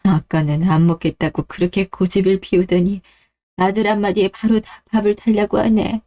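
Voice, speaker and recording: A woman's voice: mid-range voice, level tone, moderate pace, mellow, lightly acted. A woman voicing a fussy, tearful old grandmother and wife in a radio drama, who frets and exclaims a lot. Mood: teasing. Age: older. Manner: fretting, exclamatory.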